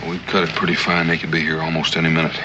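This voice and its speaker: An actor playing a steady, principled frontiersman in a 1960s TV western, with a plain-spoken, folksy cowboy manner. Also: extremely low pitch, rapid-fire. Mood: matter-of-fact. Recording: muffled, noisy old TV soundtrack.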